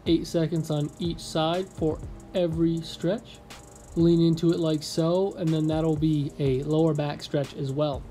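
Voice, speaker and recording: A young man vlogs casually from a small apartment room, walking through a stretching routine and cracking jokes as he makes a sandwich. His voice is fairly high and unhurried, with faint music playing behind him, and his manner is relaxed and easygoing.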